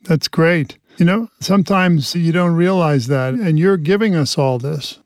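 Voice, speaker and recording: A man's voice: a little high, a little slow, a little mellow, no room sound, clean studio sound. A male radio host interviewing a guest with short encouraging prompts.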